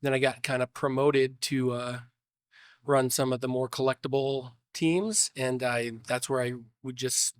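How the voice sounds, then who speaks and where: Guy in his 30s w a stuffy sick voice, rambly podcast guest, smooth tone, dry close mic. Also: mid-range voice, fairly even intonation, unhurried, dry recording. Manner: rambling, many restarts. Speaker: shop owner guest. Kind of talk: casual interview.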